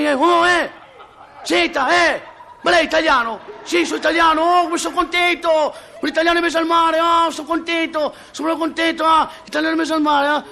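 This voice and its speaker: A man voicing two overjoyed shipwrecked men who shout across the sea at each other in a giddy, shrill way. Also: heavily acted.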